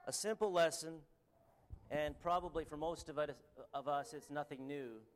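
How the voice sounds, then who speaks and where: Earnest and halting, a man with a Canadian accent works through a sermon and scripture reading, often restarting and saying um. His voice is steady and pitched on the high side.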